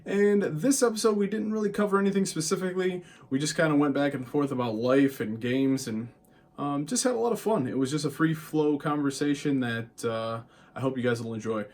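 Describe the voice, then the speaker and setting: A man's voice: fairly high pitch, fairly quick, darkish tone. A man in his late twenties hosting a podcast in casual, rambling chat, full of "like" fillers. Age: late 20s. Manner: rambling, easygoing, many "like" fillers. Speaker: podcast host and streamer.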